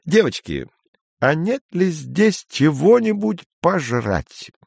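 Brash, shrill talker in an audiobook, put on by a male narrator; stretches his words, dry booth sound. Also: sing-song, vocal fry, no room sound, exaggerated voice. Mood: lecturing. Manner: high, drawn-out and insistent. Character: excitable high-voiced man, brash and chattering.

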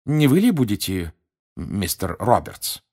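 A man's voice: lowish voice, very animated, measured pace, mellow, exaggerated voice. A man voicing a cheerful, eager middle-aged wizard who gets flustered, in an audiobook reading.

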